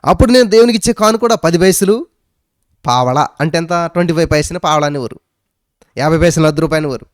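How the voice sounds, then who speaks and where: A man's voice: fast talker, no echo, clean studio sound. A man preaching a sermon, his voice rising and dropping sharply as he drives points home, with English phrases mixed in. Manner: preaching with sudden rises and drops in pitch and loudness. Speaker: pastor.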